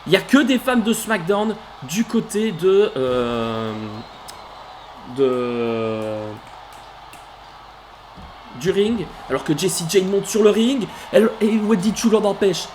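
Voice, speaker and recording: A man calling a wrestling video game match play by play, animated, bursting into shouts at big moves and stopping to correct himself. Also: sits high, slow, a little hiss or hum. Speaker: let's play commentator. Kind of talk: excited play-by-play game commentary.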